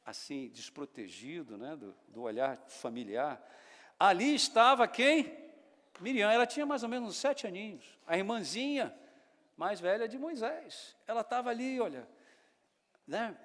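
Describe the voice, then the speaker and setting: A Brazilian man preaching a sermon as a pastor, telling the story in a folksy, animated way with lots of tag questions. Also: high-pitched, normal speed. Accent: Brazilian Portuguese. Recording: echoey hall.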